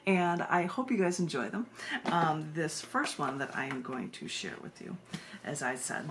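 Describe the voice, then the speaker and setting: An American woman poet with a low-sitting voice shifts between informal, excitable introductions and deliberate, dramatic readings of her own verse. There's noticeable background noise.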